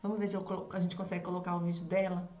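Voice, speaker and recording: A woman's voice: on the low side, flat delivery, very fast, faint music behind. Woman, Brazilian accent, 30s, parenting teacher, live class, acts out dialogue, echoey room. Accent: Brazilian Portuguese. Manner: warm teaching tone, acts out child and mother dialogue.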